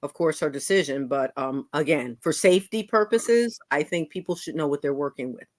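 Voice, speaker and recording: A woman's voice: deep voice, fairly quick. A woman co-hosting a casual radio chat, agreeable and full of approving hums. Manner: warm, agreeable, lots of hums. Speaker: co-host.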